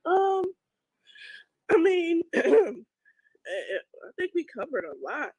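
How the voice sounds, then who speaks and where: A woman guest in a casual chat, agreeing with short interjections and talking slowly. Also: extremely high pitch, big pitch swings, no echo, low-quality recording.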